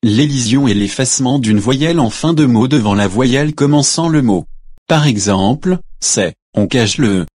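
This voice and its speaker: A man teaching French pronunciation in a slow, deliberate way, sounding out each vowel and giving examples. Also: medium pitch, lively intonation, a little mellow, husky, no echo, studio quality.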